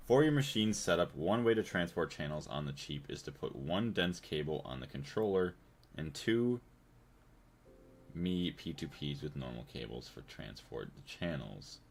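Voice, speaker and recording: A man's voice: very deep voice, expressive, normal speed, vocal fry, a little hiss or hum. A man from the United States chatting casually on a gaming livestream, thinking aloud and thanking his chat. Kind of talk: casual live-stream chat while playing.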